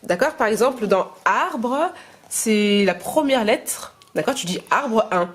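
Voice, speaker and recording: A woman homeschooling her young children, talking to camera in a halting way and explaining lessons patiently. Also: on the high side, lively intonation. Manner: patient, gentle teaching, slow explanations; hesitant, halting speech to camera. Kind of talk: casual home-schooling vlog and lesson.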